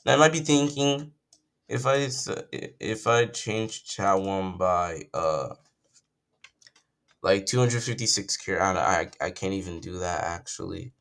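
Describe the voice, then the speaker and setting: A young man gives a laid-back coding tutorial from his computer, his voice croaky as if he just woke up. He sits low in pitch, talks a little slowly, and sounds a bit bright, thinking out loud and fixing his own mistakes as he goes.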